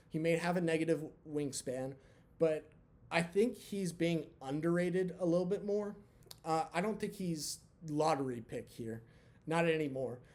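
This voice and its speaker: Chatty man, slightly high voice, hoarse. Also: a little mellow. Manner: candid, chatty, lots of fillers. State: hoarse from talking long. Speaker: basketball channel host. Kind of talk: casual talk to camera.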